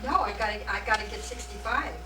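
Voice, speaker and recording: A woman's voice: medium pitch, fast talker. An older woman, a grandmother, teasing and chuckling in casual family chat at a home birthday party, heard on an old VHS home video. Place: home dining room at a party. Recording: noisy, echoey old home video tape, mic far off.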